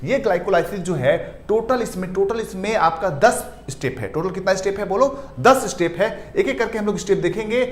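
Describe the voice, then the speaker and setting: Male biology tutor, high voice, drawls key terms, rhetorical Q&A style. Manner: asks questions and answers them himself; mixes in English terms, stretches key words slowly. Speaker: biology teacher. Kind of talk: exam-prep lecture over slides.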